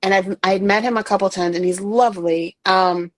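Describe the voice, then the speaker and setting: A woman's voice: medium pitch, fairly even intonation, dry recording. A middle-aged woman chatting casually as an art director guest, rambling with lots of fillers and restarts. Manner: rambling, many fillers and restarts, quick bursts. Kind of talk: casual interview chat.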